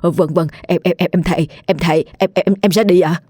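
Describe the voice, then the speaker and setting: A woman's voice: on the low side, steady tone, moderate pace, dark tone, husky, dry recording, clean studio sound. A woman voicing a terrified young man, a drug addict who stammers and grovels for mercy in a spoken ghost story.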